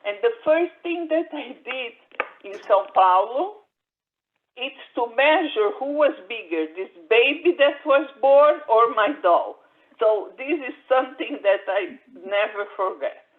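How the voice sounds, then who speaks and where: An older woman raised in Brazil, speaking slowly and haltingly with many pauses as she recounts her life in an oral history interview. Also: on the high side, expressive. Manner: slow, halting, many fillers and restarts. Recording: tinny phone-like audio.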